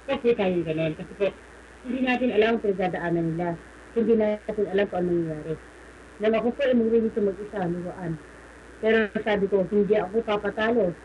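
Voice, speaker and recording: A woman's voice: mid-range voice, darkish tone, slight background noise. A woman from the Philippines giving an earnest, polite personal testimony on the radio, often slipping into English. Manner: earnest, polite, mixes English into her talk. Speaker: radio guest sharing a testimony. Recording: slightly muffled live radio stream.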